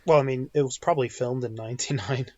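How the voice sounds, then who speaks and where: A man's voice: medium pitch, steady tone, fast talker, muffled recording, noisy background. A man co-hosting a podcast in casual chat, rambling and restarting his sentences often. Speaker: podcast co-host.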